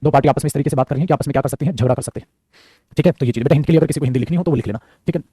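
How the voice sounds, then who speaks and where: A male teacher, giving an online English vocabulary class; he talks rapidly, repeats phrases and keeps calling his students "beta". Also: mid-range voice, mellow, husky, no echo.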